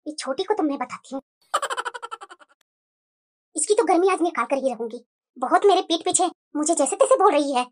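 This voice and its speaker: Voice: very high voice, lively intonation, moderate pace, long pauses, voice pushed down. A voice actor doing a hot-tempered elder daughter-in-law. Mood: angry. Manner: sharp, scolding. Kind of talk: cartoon voice acting.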